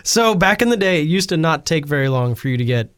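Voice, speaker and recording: A calm man co-hosts a gaming podcast in a fairly high voice. He asks steady questions and keeps the talk on track, sounding amused rather than riled. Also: fast, clear, resonant tone. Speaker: podcast co-host. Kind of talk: casual gaming podcast chat.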